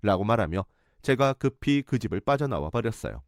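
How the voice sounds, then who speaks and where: A man giving scripted narration of a story in a steady, recounting way. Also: fairly low pitch, a little fast, no echo, studio quality.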